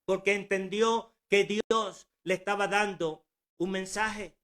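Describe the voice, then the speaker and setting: A man's voice: sits high, fairly even intonation, takes it slowly, a bit bright. A man in his sixties preaching a sermon at home, earnest and exhorting, with rhetorical questions and repetition. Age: 60s.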